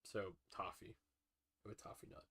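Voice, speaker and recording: A man's voice: normal speed, a bit bright, a little hiss or hum. A man co-hosting a podcast, chatting offhand and joking while watching a game. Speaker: podcast co-host. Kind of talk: casual chat while watching gameplay.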